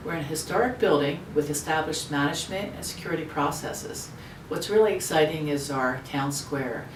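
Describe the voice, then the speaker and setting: A project manager, a woman with a very low voice, lays out plans in a plain, orderly way. She is recorded from afar in a roomy space with noise behind her. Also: normal speed. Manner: orderly, matter-of-fact. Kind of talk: interview talk for a corporate video. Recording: roomy, distant mic, background noise.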